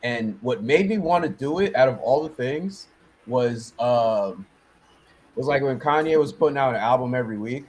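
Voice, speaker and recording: A music producer from New York, talking in a relaxed interview. He has a mid-pitched voice and rambles along, circling back with fillers and restarts. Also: normal speed, rough recording. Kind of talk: casual interview chat.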